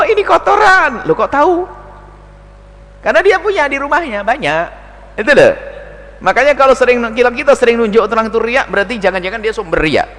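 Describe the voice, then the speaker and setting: A man delivers a sermon in a fairly high voice that leaps up and down. He acts out the people he quotes and keeps throwing teasing questions at the crowd. His voice rings with a long hall reverb. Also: fairly bright tone. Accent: Indonesian. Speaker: preacher answering questions.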